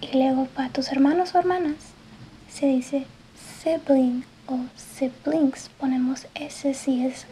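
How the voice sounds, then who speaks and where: A woman in a whispered role-play as an English teacher, speaking softly and patiently and slipping between a gentle voice and a whisper. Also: high voice, a little hiss or hum, rough recording. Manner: soft-spoken, slow and patient, drifting between soft voice and whisper. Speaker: ASMR creator playing an English teacher.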